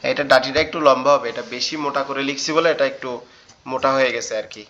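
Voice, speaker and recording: A man leads an online class on Arabic letters, speaking in a bright, forward voice. He repeats each sound several times and keeps checking in with the students. The call audio is dull and muffled. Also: mid-range voice, fairly even intonation, quick pace, a little hiss or hum. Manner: patient, repeats sounds and asks the class questions. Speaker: Quran teacher.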